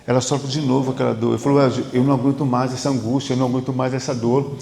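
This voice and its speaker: A man's voice: medium pitch, gravelly, a little mellow. A man, a psychotherapist giving a motivational talk and telling client stories in an emphatic, repetitive, conversational way. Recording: echoey hall reverb.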